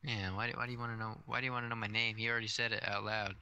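A man in a game role-play, brash and crude, firing off quick comebacks. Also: lowish voice, little pitch movement, bright, forceful tone, highs cut off, a little hiss or hum. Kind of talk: casual role-play banter.

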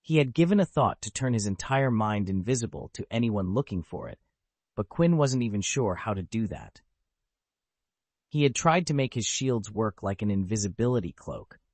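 A man narrating an audiobook with a steady, literal reading of the text. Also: lowish voice, no echo. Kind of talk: scripted narration.

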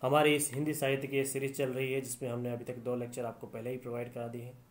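A man's voice: mid-range voice, monotone, fast talker. A man teaching Hindi literature in a lecture, explaining step by step and repeating key phrases. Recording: echoey room.

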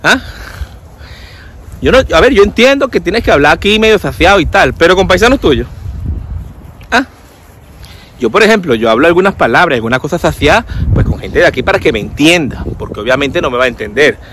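Animated sarcastic man. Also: fairly high pitch, brisk, long pauses, breathy edge. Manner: sarcastic, animated, mimics people. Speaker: vlogger. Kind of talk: casual commentary vlog.

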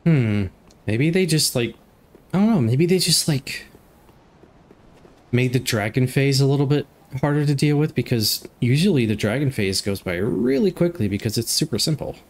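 Over a desk microphone, a young gameplay commentator with a stuffed-up nose talks at a moderate pace in a mid-range voice. His casual let's play is chatty and full of jokes, punctuated by excitable outbursts during fights.

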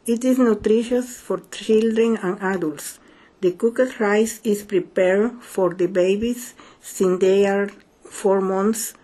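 A woman's voice: medium pitch, steady tone, slow pace, warm tone, breathy edge. An older woman from Guatemala with a Guatemalan Spanish accent, explaining a home recipe in careful, plain second-language English. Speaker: home cook sharing a recipe. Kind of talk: simple narrated recipe explanation.

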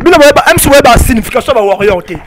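A man's voice: very high-pitched, expressive. A Congolese man in his thirties with a Congolese French accent mixed with Lingala, speaking emphatically as a fan club spokesman into a handheld mic outdoors. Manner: emphatic, rapid French-Lingala mixing, repeats "on se comprend". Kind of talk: heated interview answers. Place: outdoor porch of a building. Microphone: handheld mic held by interviewer.

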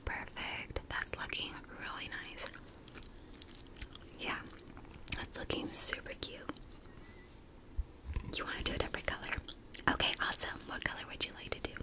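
A young woman doing a whispered role-play close to the mic, with tingly ASMR mouth sounds between soft, repetitive, soothing phrases. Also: normal speed, long pauses. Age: young adult. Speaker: ASMR video creator. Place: small indoor room. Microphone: close to the mic, facing camera.

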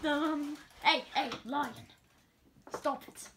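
A young woman co-hosts a playfully melodramatic, improvised mock-horror vlog skit in a dim, carpeted home basement. Her high voice stays steady and moves extremely slowly, and the handheld camera recording is noisy.

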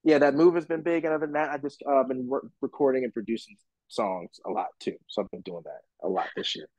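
A musician man answering interview questions casually, relaxed and rambling with many fillers and restarts. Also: medium pitch, quick pace, slightly rough, no room sound, low-quality recording. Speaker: musician guest.

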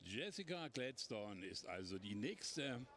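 A man's voice: mid-range voice, big pitch swings, takes it slowly, a bit bright. A man giving live commentary on a fight as a television sports commentator. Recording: clear arena noise behind commentary.

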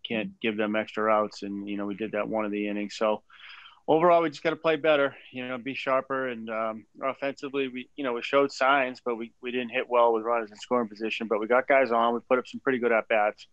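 A man in his forties, a head baseball coach, answering press questions after a game in a measured way with many fillers and restarts, over a video call from a small room. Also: medium pitch, flat delivery, a bit bright, clean tone, no room sound. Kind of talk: postgame press conference. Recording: dull dry video call audio.

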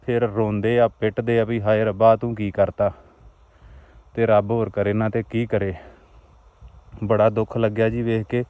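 A man's voice: medium pitch, mellow, dry recording. A man with a Majhi Punjabi accent making a plaintive, exhortative outdoor vlog appeal to viewers. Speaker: vlogger. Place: outdoors on a rural roadside.

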